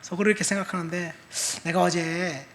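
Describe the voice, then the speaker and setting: A man's voice: sits high, steady tone, brisk. Storytelling male pastor in an echoey church. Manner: storytelling, swinging between soft asides and loud emphatic appeals. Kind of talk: sermon with personal testimony. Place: church sanctuary.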